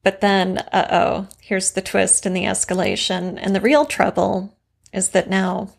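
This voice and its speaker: A woman co-hosting a casual podcast conversation. Her voice carries a gravelly fry. She explains thoughtfully, working through examples. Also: mid-range voice, fairly even intonation, measured pace. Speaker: podcast co-host. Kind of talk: casual craft discussion.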